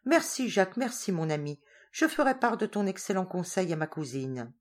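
A woman's voice: medium pitch, very animated, moderate pace, a little mellow, close to an everyday voice. A woman reading the part of an earnest eighteen-year-old girl in a storybook, pleading and sweet.

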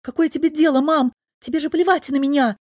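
Woman reading as a shrill indignant young daughter. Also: moderate pace, darkish tone, dry recording, studio quality. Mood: furious. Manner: shrill, bursting out in protest. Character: indignant young adult daughter, defensive and hot-tempered. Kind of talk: audiobook character voice.

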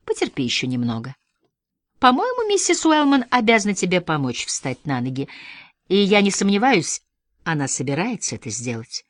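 A practical district nurse coaxes and reassures in a brisk, cheerful tone, as a woman reader gives her voice. The voice is low and sounds close and dry. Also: huge pitch swings, no echo. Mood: coaxing. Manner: professionally cheery, coaxing.

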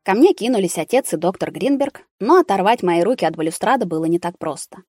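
A woman reading a novel aloud as scripted narration, calm and even. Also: mid-range voice, fast talker, slightly rough, no room sound, soft background music. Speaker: audiobook narrator.

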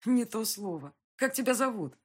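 A woman's voice: a little high, animated, moderate pace, husky, voice pushed up. A woman voicing an injured young woman trapped in a pit, talking with pleading urgency. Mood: urgent.

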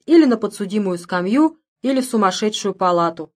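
A woman's voice: mid-range voice, expressive, a little fast, darkish tone, close to an everyday voice. A woman doing a gloomy old village man. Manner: grumbling, rueful.

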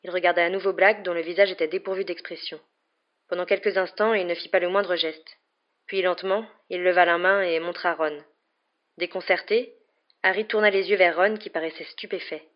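A woman narrating an audiobook in a steady storytelling manner, on a slightly muffled recording. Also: on the low side, fairly quick. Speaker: audiobook reader. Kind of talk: scripted narration.

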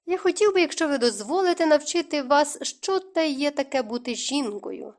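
A man's voice: extremely high pitch, expressive, normal speed, voice pushed up. A woman reading as a suave, teasing young man. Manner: smooth, teasing, theatrical. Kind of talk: audiobook narration.

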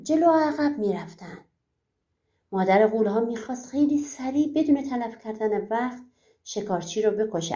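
A woman reads folk tales aloud, her voice a touch high but warm and mellow. She tells the story at a measured, even pace. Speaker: audiobook narrator. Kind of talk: storytelling narration.

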